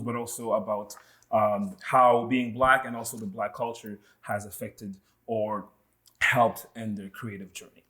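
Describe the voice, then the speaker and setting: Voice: mid-range voice, sharp tone. The host of a round-table talk, introducing guests and asking questions in a loose, hesitant way. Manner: loose, hesitant, lots of fillers. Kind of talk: hosting a panel talk.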